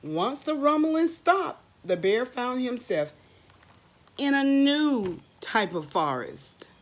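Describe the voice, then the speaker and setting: A middle-aged woman with a high-sitting voice and big pitch swings reads slowly to young children at storytime. Acting as a teacher, she poses and answers questions expressively, elongating and repeating words for emphasis.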